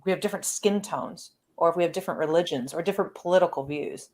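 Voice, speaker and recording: A woman's voice: fairly low pitch, quick pace, a little mellow. A woman speaking earnestly and emphatically, sharing personal views in a casual, reflective discussion.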